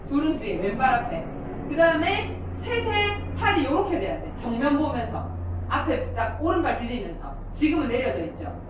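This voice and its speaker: A woman teaching a dance class, calling out counts and giving brisk instructions. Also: background noise. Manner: brisk, lively beat counting with high calls. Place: dance studio with mirror. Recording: echoey studio, distant from mic.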